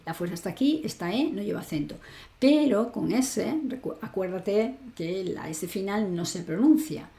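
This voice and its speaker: A woman teaching a French grammar lesson online, with a low, gravelly edge to her voice and a mellow, darkish tone. She explains patiently step by step, checking in often, and the room gives her voice a noticeable echo. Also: expressive, normal speed. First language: Spanish.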